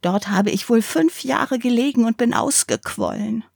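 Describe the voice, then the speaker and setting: A woman's voice: fairly high pitch, normal speed, vocal fry, darkish tone, slightly rough, dry recording, studio quality, voice pushed up. A woman reading a fairy tale aloud and voicing an old, water-soaked toy ball that is vain and talkative, in a fussy, prim manner. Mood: chattering.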